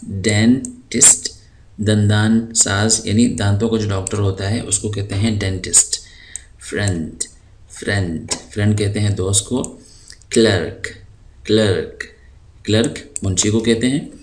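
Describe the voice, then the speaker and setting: A man from Pakistan who teaches English words in a recorded lesson. He draws each word out slowly, then explains it patiently, with frequent hesitation fillers. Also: lowish voice, steady tone, a little mellow, slight background noise.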